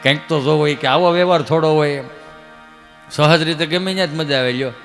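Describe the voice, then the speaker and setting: A man's voice: fairly high pitch, fairly quick, fairly bright tone, soft background music. A man from telling comic stories on a live stage, acting out the characters' dialogue in shifting voices. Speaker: stand-up comedian. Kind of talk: Gujarati folk comedy storytelling. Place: live stage at a religious gathering.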